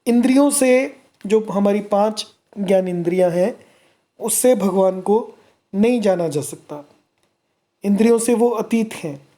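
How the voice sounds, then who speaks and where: A woman's voice: mid-range voice, measured pace, dark tone. A woman explaining devotional verses line by line. She recites each verse phrase and then explains it word by word. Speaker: scripture teacher.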